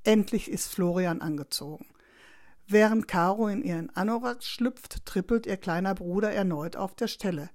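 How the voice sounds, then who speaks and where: A woman narrating a children's story aloud in a lively, expressive way. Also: medium pitch, moderate pace.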